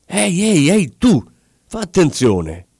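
A man doing an excitable, vain official. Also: a little slow, no room sound, clean studio sound. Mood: shouting. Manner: raised, exclaiming, higher than the narration. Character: vain fussy male official, anxious and excitable.

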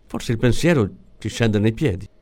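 A man voicing a calm, pensive male police commissioner who speaks in a slow, musing way. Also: lowish voice.

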